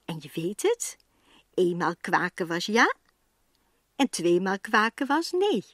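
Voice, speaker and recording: A woman's voice: mid-range voice, very animated, slow, fairly bright tone. A woman storyteller giving scripted narration of a children's tale.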